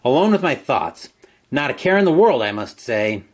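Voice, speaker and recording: A man's voice: mid-range voice, sing-song, normal speed. A man voicing a lonely male camper who talks in a sing-song tone, like a presenter on children's television. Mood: softly sing-song.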